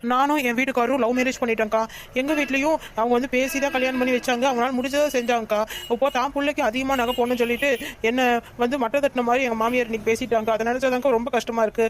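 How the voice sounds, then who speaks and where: Give me a woman playing an anxious cartoon daughter-in-law who talks fast and pleads. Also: on the high side, fairly even intonation, lightly acted. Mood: worried. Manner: pleading, complaining softly to a friend. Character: worried young daughter-in-law, gentle and tearful. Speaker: storyteller addressing viewers. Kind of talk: Tamil cartoon voice acting.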